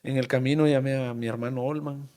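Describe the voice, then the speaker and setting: A man with a Honduran accent, a town mayor telling a personal story in an interview, halting and emotional with many pauses and fillers. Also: mid-range voice, fairly even intonation, darkish tone. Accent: Honduran Spanish.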